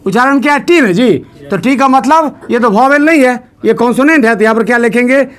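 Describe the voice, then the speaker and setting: A man's voice: very high voice, brisk, fairly bright tone. A man teaching English grammar, repeating questions and calling on students to answer aloud. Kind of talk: classroom lesson.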